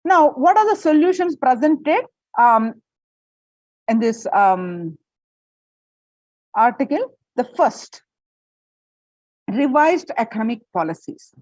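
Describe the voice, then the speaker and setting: A woman's voice: sits high, sing-song, slow pace, pauses often, darkish tone, no room sound, lo-fi sound. A woman presenting and reading a prepared article aloud, with the odd filler and restart.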